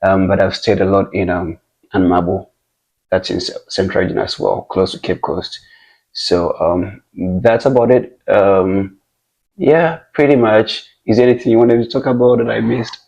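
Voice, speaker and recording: A young man from Ghana, a guest in a casual interview, speaking in a measured, reflective way with many hesitations. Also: lowish voice, vocal fry, a little mellow. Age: young adult.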